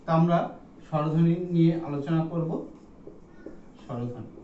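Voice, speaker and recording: A man's voice: fairly high pitch, moderate pace, slight background noise. A male teacher giving a classroom lecture, counting items aloud and asking the class questions. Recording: echoey room, distant mic, dull sound.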